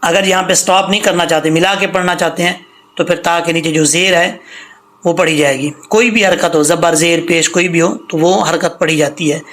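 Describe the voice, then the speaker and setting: A man's voice: a little high, steady tone, moderate pace, a bit bright. A man teaching Quran recitation, patiently sounding out words letter by letter and pointing out common mistakes. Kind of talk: slow teaching with drawn-out recitation.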